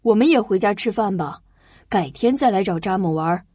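A woman voicing a patient, cheerful father who gently explains things to his child in a children's story. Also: medium pitch, animated, normal speed, husky, dry recording, studio quality, voice pushed down. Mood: coaxing.

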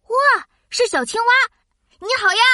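High, bright, curious cartoon child. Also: female voice, expressive, unhurried, no room sound, studio quality. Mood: delighted. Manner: childlike, exclaiming, wide-eyed. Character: curious, cheerful little child host, easily amazed. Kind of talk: children's science cartoon presenting and dialogue.

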